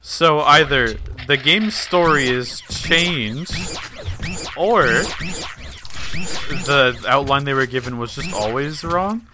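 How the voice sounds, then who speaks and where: A chatty man hosts a casual podcast mid-game and rambles loosely between rounds. His voice sits at an ordinary pitch, and a steady hiss of noise runs under the recording. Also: takes it slowly. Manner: chatty, loose, with fillers and profanity. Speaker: podcast host. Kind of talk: casual chat while gaming.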